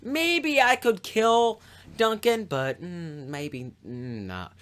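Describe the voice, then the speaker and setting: Guy doing a jumpy guilty king, all hesitant and panicky, pitch swinging. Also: expressive, slow pace, a bit bright, full character voice. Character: anxious guilt-stricken king, panicky and whiny.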